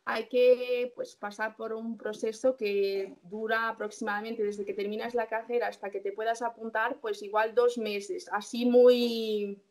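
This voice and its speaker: A woman's voice: a little high, level tone, a little slow, few pauses, a little mellow. A young woman in her twenties, a resident doctor being interviewed, explaining steps casually with many fillers and self-corrections.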